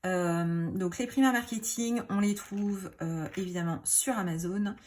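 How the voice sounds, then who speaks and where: A woman in casual show-and-tell, chatty and rambling, with many fillers, self-corrections and quiet muttered asides. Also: medium pitch, measured pace. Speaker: craft YouTuber.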